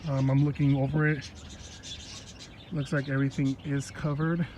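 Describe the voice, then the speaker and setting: A stuffy-nosed man with a mid-range voice narrates a casual car how-to vlog at normal speed, holding his phone while working outdoors in a yard. He's relaxed and chatty and laughs often, with faint outdoor noise behind him.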